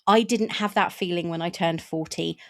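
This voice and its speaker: This is a woman in her fifties with a fairly low voice who hosts a book podcast, talking at a moderate pace in a casual interview chat. She comes across as frank and conversational, restarting her sentences now and then.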